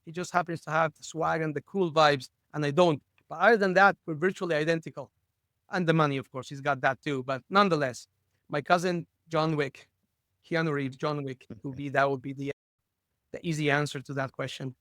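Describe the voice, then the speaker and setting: A man's voice: on the high side, steady tone, fairly quick, a bit bright, no room sound, clean studio sound. Cheerful middle-aged man on a call. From Lebanon. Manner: cheerful and joking. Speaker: school superintendent, guest. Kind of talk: casual interview chat.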